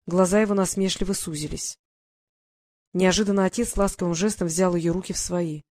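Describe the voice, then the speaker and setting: A woman reads a novel aloud in an even, measured way. Her voice is fairly low, and the sound is close and dry, with no echo. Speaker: audiobook narrator. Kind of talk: scripted narration of a novel.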